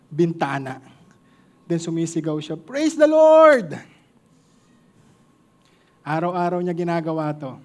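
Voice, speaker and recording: A Filipino man delivers a sermon at a slow, deliberate pace. His voice sits a bit higher than most men's, and he slips between two languages while joking with the congregation. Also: darkish tone. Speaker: preacher.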